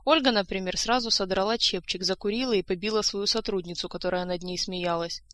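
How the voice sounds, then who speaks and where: A sincere young woman who explains things earnestly, put on by a woman reader. The voice sits a little above the reader's usual pitch. She sounds gentle and open. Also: steady tone, fairly quick, no echo, close to an everyday voice.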